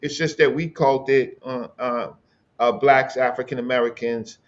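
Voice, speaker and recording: A man in his late fifties from the Bronx, debating in a halting way, with many fillers and restarts. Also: medium pitch, fairly even intonation, lo-fi sound. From the Bronx, New York. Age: 50s. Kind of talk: heated debate.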